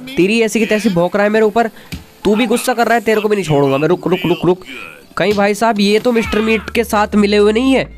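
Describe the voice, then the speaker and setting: A young man giving excitable, chatty game commentary voice-over, talking straight to his viewers. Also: sits high. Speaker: gaming video creator. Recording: faint background music.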